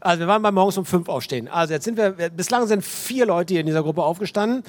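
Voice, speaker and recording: A man moderating a live listener event, brisk and jokey, talking to the audience over a handheld microphone. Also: sits high.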